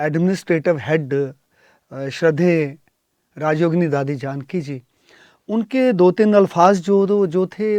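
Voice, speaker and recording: A middle-aged man, a guest singer in a studio interview, who explains his points thoughtfully and pauses to hesitate often. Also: a little high, darkish tone, dry recording.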